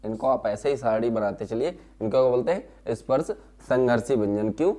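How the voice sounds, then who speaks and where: A male teacher gives a classroom lesson at a measured pace. He sounds out syllables one at a time and repeats each key term. He often asks a question and answers it himself. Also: medium pitch, dark tone. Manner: explains slowly, repeats key terms and answers his own questions.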